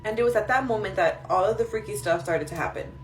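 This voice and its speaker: A woman's voice: mid-range voice, quick pace. Woman telling spooky stories in an echoey room. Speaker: storyteller host reading follower-sent stories. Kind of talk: spooky storytelling for social media. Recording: roomy echo, distant mic, faint noise.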